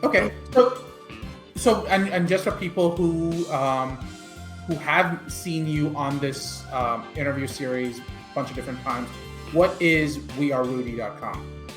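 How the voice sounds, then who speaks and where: A man hosting a podcast interview, reading a sponsor spot and asking upbeat questions with quick restarts. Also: a little high, fairly bright tone, roomy sound, soft background music. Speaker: podcast host.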